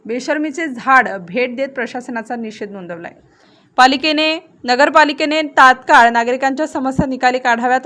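High pitched woman reading the news, steady and formal. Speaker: news reader. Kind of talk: read news report.

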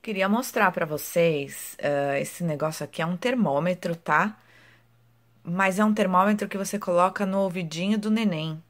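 A woman's voice: lowish voice, moderate pace. A woman, chatting casually to viewers in a home vlog as a mother, with frequent tag questions. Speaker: mother and vlogger.

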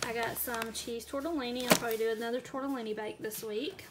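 Chatty woman over loud noise. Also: a little high, steady tone, quick pace. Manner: chatty, laughs often, talks to her viewers while handling items. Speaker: vlogger showing a grocery haul. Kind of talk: casual chat. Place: indoors at home, camera pointed at groceries.

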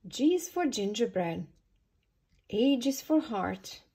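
Woman, preschool storytime reader, slow, mellow, lilting, asks kids questions. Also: on the high side, very animated, slightly rough. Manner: slow, sing-song, asks the young listeners questions. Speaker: early years storytime reader. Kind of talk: reading a children's picture book aloud.

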